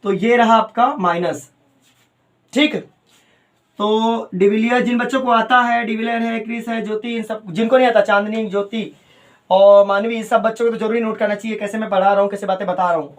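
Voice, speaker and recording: A man with a fairly high voice, teaching chemistry to coaching students. He talks to them fondly as "beta" and drags out key terms syllable by syllable so they can note them down. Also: fairly even intonation. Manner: calls students "beta", repeats terms slowly, mixes English phrases.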